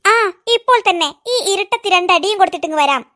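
A woman voicing a cross, vengeful middle-aged aunty in a cartoon, grumbling and scheming in a high voice pushed lower. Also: expressive, quick pace, fairly bright tone. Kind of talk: cartoon voice acting.

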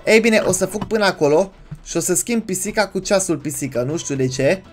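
Excitable young woman narrating a horror game. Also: lowish voice, faint music behind. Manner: excitable, chatty, shrieks when startled. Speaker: gaming YouTuber. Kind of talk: horror game let's play commentary.

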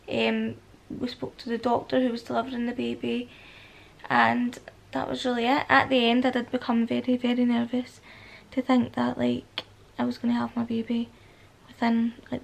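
In this casual vlog, a woman in her twenties with a Scottish accent lies against the headboard in her bedroom and speaks in a soft, hushed way, peppered with ums. Her slightly high voice sounds husky because she has a cold. The phone or camera is held at arm's length.

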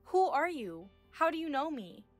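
A woman's voice: sits high, big pitch swings, normal speed, soft background music. A woman in her thirties reading scripted dialogue as a wronged wife, firm and indignant. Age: 30s.

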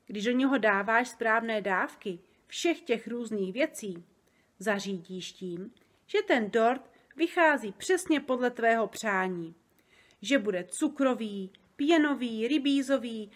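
A woman reading aloud and voicing a big, kind male giant who talks slowly and makes up odd words. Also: a little high, animated. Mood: explaining. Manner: slow, wondering, jumbled made-up words.

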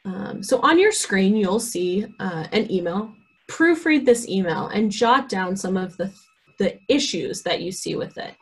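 A woman presenting a career skills workshop, explaining points and often pausing with "um". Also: medium pitch, animated, husky. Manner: frequent "um" fillers, reads example emails aloud. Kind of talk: online workshop lesson.

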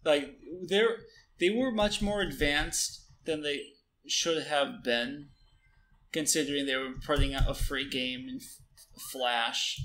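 A young man talks casually over his gameplay, his voice sitting a little high. He drifts in and out of sentences with plenty of "uh" and "like." The tone is easy and unhurried. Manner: relaxed, halting, many fillers. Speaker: gamer. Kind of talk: casual let's-play commentary.

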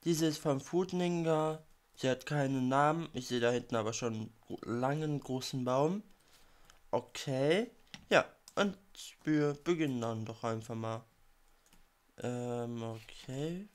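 A man's voice: mid-range voice, a little slow. A man with a cold giving casual commentary while playing a video game, muttering his reactions to himself. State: has a cold. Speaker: let's play gamer.

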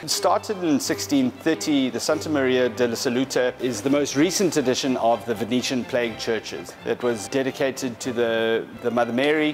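A man in his thirties, an art specialist, talking through paintings in a large gallery hall in a measured, explanatory way, with frequent fillers and restarts. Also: medium pitch. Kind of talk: gallery presentation.

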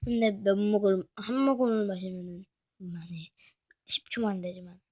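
A woman's voice: medium pitch, steady tone, moderate pace. A woman narrating a homemade toy-brick drama in a casual, chatty way with mumbled asides.

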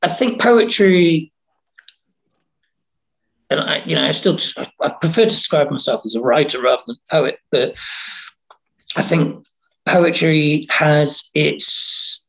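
Creaky-voiced man from Wales, halting speech. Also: on the high side, a bit bright, rough recording. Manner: halting, with many restarts and repeated words. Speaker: writer, interview guest. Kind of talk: casual conversation.

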